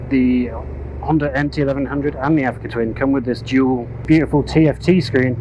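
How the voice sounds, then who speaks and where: Chatty man, mid-pitched, reviewing a bike on the move through a helmet mic, with road noise behind him. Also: darkish tone, highs cut off. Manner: casual, chatty, self-correcting. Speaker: motorcycle reviewer. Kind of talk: ride-along review talk. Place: on a motorcycle on country roads, outdoors. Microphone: helmet headset mic. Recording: road noise from a moving motorcycle. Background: road and vehicle noise.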